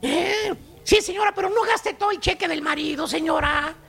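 A man's voice: extremely high pitch, moderate pace, vocal fry, bright, forceful tone, soft background music, full character voice. A man voicing a mocking, streetwise Mexican comic character with a Chicano accent, ranting in slang. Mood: scolding. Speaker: comedy show host.

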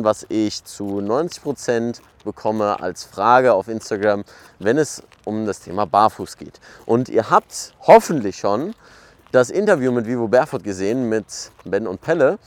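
A man hosts his own podcast and talks straight to his listeners in a loose, unscripted monologue. He rambles from point to point and fills the gaps with plenty of hesitations, at a middling pitch. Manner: rambling, conversational, many fillers. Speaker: podcast host. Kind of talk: casual monologue.

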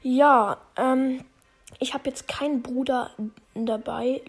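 A woman hosts a relaxed gaming video in a slightly high voice. She talks slowly and unhurriedly. She sounds self-conscious and laughs at her own attempts. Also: slightly rough. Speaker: gaming channel host. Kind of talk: casual gaming video chat.

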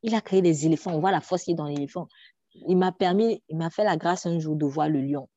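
A woman delivers a sermon in a low, dark, mellow voice, driving her points home with rhetorical questions and repetition. She sometimes sinks to a near whisper. The recording is dry and somewhat dull. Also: fast, dry recording. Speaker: preacher.

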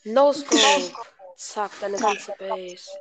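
Excitable woman gamer, mid-pitched voice. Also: extremely slow, a crowd in the background. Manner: excitable, blurts short exclamations. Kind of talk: casual gaming chat.

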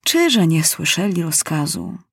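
A woman narrating a children's storybook aloud, animated and acting out the characters. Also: on the low side, a little slow, creaky, breathy edge, no echo, clean studio sound.

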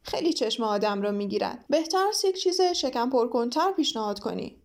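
Woman reader doing a loud, boastful, pompous storybook bug. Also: fairly high pitch, big pitch swings. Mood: blustering. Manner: loud, blustering.

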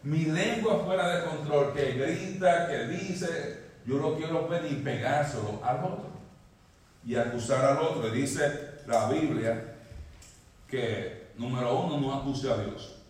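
A male pastor preaching a sermon, swinging from emphatic high peaks down to low quiet lines. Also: unhurried. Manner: preaching, rising emphatically, then dropping low. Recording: echoey hall, mic at a distance.

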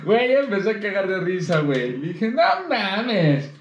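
A man's voice: high-pitched, sing-song, fast, roomy sound, slight background noise. A young man with a Mexican accent telling crude, slang-heavy school stories to his friends. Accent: Mexican Spanish. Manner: crude, slangy storytelling with frequent laughter. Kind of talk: casual chat among friends.

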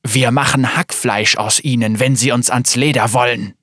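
A man's voice: mid-range voice, fairly even intonation, moderate pace, a bit bright, no room sound, clean studio sound, natural voice. A man voicing a stern, grizzled general who growls clipped commands, in a storybook reading. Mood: grim.

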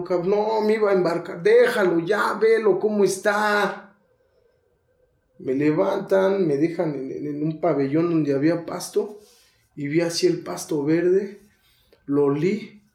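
A man's voice: on the high side, a little mellow, echoey room. A man in his thirties with a Mexico City accent telling his recovery story, slangy and intense, acting out the voices in the scenes. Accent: Mexico City Spanish. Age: 30s. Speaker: guest sharing a recovery testimony. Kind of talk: emotional personal testimony.

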